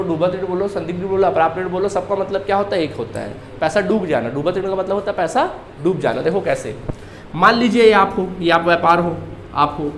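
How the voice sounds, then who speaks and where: A man with a high, fairly bright voice teaches an accounting class, posing questions to students and answering them himself. He drills key terms through constant repetition. The classroom lecture sounds echoey, with a faint hiss of ambience.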